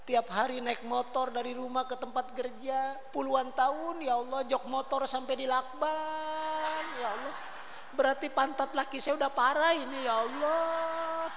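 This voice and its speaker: A man voicing a devoted middle-aged wife who weeps and frets over her tired husband, in a high plaintive wail. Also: steady tone, moderate pace, gravelly, a bit bright, heavily acted. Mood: tearful pleading. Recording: reverberant hall, faint noise.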